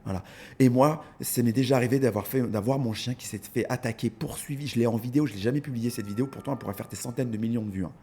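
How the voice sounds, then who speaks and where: A man speaking casually in an interview, an animated storyteller who acts out scenes and often repeats words as he starts a thought. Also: mid-range voice, fast talker, slight background noise. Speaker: dog content creator, guest.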